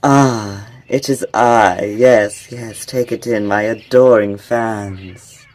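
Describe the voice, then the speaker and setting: A man voicing a vain, laid-back hippie bird with a low, mellow drawl. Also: steady tone, takes it slowly.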